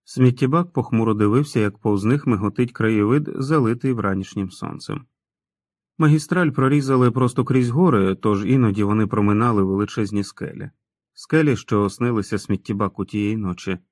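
A man narrates an audiobook from a script, telling the story with a dramatic flair. His voice is low-ish and darkish, delivered at a normal pace. The studio sound is clean and echo-free.

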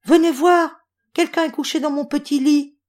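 Woman doing a squeaky tiny bear cub. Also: expressive, moderate pace, a little mellow. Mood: excited. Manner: squeaky, whimpering.

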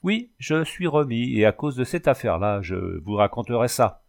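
A man's voice: medium pitch, sing-song, moderate pace, creaky. A man doing a chatty, self-satisfied village mayor. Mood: boastful. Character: pompous tipsy village mayor, older man.

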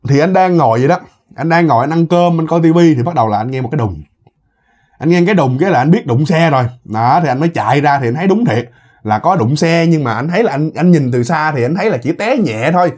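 A man with a Southern Vietnamese accent rattles off a ghost story at a fast clip. His voice is husky and sits a bit high, and he keeps repeating words and turning to his listeners. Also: expressive, darkish tone. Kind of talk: casual ghost story narration.

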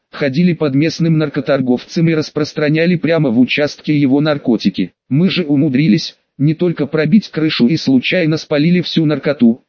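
A man narrating an audiobook in the first person, with brisk and casual storytelling. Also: fairly high pitch, darkish tone, no room sound. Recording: dull, dry lo-fi recording.

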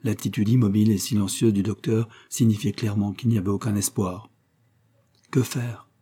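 A man reading a literary short story aloud as an audiobook narrator, in a measured, solemn way. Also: lowish voice, steady tone, dark tone, breathy edge.

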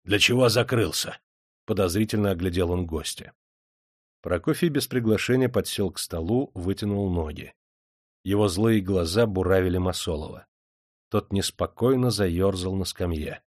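A man's voice: sits low, moderate pace, darkish tone, no echo, clean studio sound. A man narrating a historical novel as an audiobook reader. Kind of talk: scripted narration.

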